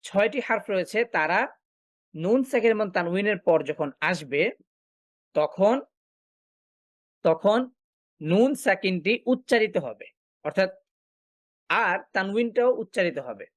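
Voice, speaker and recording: A man's voice: sits high, lively intonation, unhurried, pauses often, dry recording. Patient male teacher, dry close sound. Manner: explains step by step, asks and answers own questions; frequent filler sounds while thinking. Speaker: Quran recitation teacher. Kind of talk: online class lecture.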